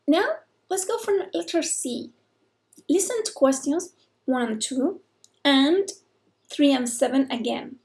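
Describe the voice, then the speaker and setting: A woman's voice: sits high, expressive, slow pace, long pauses, darkish tone. A woman English teacher, patiently explaining a lesson. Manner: explains patiently, switching between English and Spanish.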